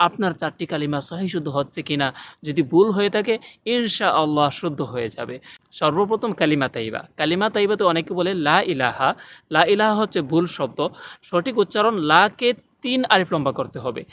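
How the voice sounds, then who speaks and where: A man teaching correct pronunciation as a religious teacher, patiently correcting common mistakes and drawing out recited words slowly. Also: fairly high pitch, expressive, fairly bright tone, slight background noise. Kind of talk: pronunciation lesson with slow recitation.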